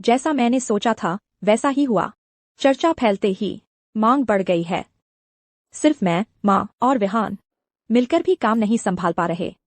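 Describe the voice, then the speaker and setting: A woman's voice: medium pitch, expressive, a little slow, no room sound. A woman dubbing a clever, confident young village woman in a drama. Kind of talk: dubbed drama acting.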